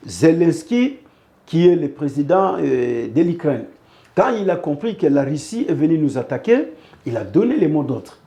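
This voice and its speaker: This interview guest from the DRC has a warm, somewhat high voice with a sing-song quality and speaks at normal speed. Discussing politics earnestly, he leans on repeated phrases to make his case.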